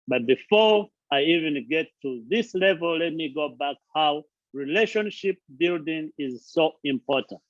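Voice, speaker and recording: Fairly high-pitched and animated, he talks a little slowly with few pauses. He's from Uganda, founded a charity, and hosts a channel; here, indoors at a friend's place, he gives an earnest motivational speech built on listing and repeating words, captured in a dry, dull recording.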